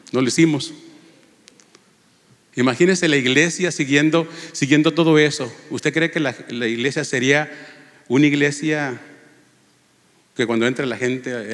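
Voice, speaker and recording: A man's voice: medium pitch, fairly bright tone, big-room sound. A man preaching a sermon in Spanish to a congregation, reading from the Bible and asking them rhetorical questions. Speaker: lay preacher. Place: church.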